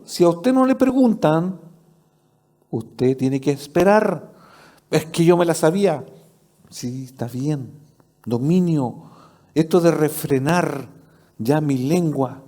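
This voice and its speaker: Chilean man preaching, mellow voice. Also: fairly high pitch. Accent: Chilean Spanish. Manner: conversational preaching, asks the congregation questions. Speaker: pastor. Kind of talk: sermon. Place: church service.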